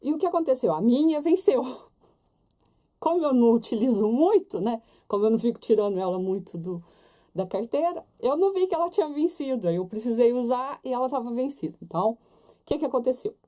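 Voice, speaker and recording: Expressive and a little fast, her fairly high voice carries a dark tone as the young Brazilian woman, speaking with a Brazilian Portuguese accent, chats to her viewers on camera. She's casual and talkative, constantly checking in with tag questions.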